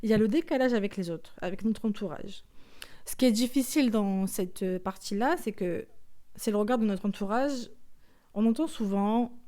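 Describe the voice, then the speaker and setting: A woman's voice: mid-range voice, moderate pace, mellow. A woman with a Marseille accent hosting a personal podcast monologue, outspoken and hesitant, full of fillers and restarts. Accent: Marseille French. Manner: outspoken and indignant. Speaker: podcast host.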